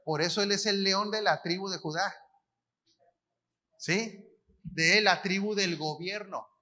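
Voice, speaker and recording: Man, Mexican Spanish accent, preaching, high voice, colloquial, asks and answers his own questions. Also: a little slow, sharp tone. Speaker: apostle preaching. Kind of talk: conference sermon.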